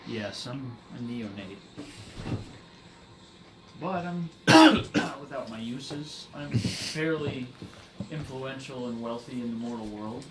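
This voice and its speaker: A man's voice: mid-range voice, animated, reverberant, background noise. A man playing a polite young vampire agent. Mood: courteous. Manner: courteous, a bit halting. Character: polite male neonate vampire agent, wealthy.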